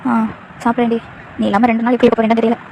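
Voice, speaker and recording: A devoted young husband, as a woman narrator reads him in a fan story, earnest and protective. He speaks quickly with little rise and fall in pitch. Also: level tone, creaky, dark tone, slight background noise. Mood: tender. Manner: earnest, firm in defense of his wife.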